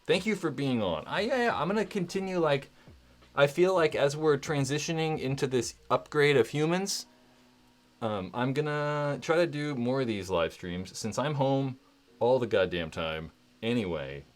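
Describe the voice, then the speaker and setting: A man's voice: medium pitch, expressive, moderate pace. A man hosting a casual livestream from home, rambling and candid, filling his talk with "like" and "right?" and swearing now and then. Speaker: livestream host.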